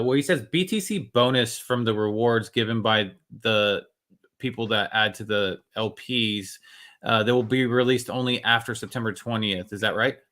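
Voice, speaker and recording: A man co-hosts a podcast in an easygoing way, relaying questions and acknowledging answers with quick "gotchas." His voice is bright and forward. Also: fairly low pitch. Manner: easygoing, says gotcha a lot. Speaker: co-host. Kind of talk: casual podcast chat.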